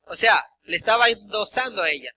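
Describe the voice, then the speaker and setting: A man's voice: high-pitched, animated, brisk, bright, forceful tone, slight background noise. A man, a pastor preaching a sermon, telling personal stories and addressing the congregation directly. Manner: acts out quoted dialogue, addresses congregation directly. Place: church service.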